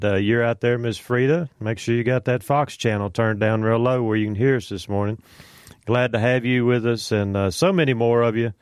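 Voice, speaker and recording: A man hosts a morning religious radio show from a radio studio, chatting casually and folksily with many fillers and greeting listeners by name. His voice is on the low side with a clean tone, recorded on a studio microphone with clean sound and no room sound.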